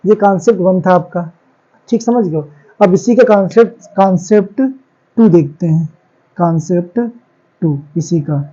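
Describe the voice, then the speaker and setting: A man's voice: sits high, a little slow, long pauses, warm tone. A male teacher giving a classroom grammar lesson. He keeps asking questions and answering them himself, repeating the key words. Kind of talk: classroom lecture on English grammar. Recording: dull lo-fi classroom recording.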